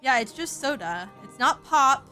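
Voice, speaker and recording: A lightly accented Southern woman keeps up casual, profane, animated chat during a game stream. Her voice sits high and moves at a measured pace, with faint music behind it.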